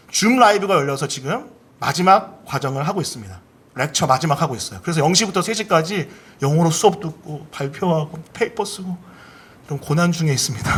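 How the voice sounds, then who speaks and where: A male pastor preaching a sermon in a church service. He is animated, acts out inner voices with big swings in pitch, and has the congregation repeat key phrases after him. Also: breathy edge.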